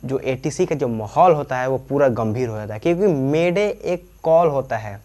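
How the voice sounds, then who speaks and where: Warm and animated, a man with a mid-range voice walks through aviation terms at a moderate pace in an informal lesson. He repeats points, asks and answers his own questions, and checks in often.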